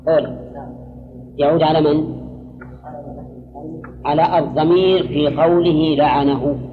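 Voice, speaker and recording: A man giving a classroom lecture on Quranic readings and grammar, speaking in a measured way, repeating key words and putting questions to his students. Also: on the high side, slight background noise. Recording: muffled lecture hall with long reverb.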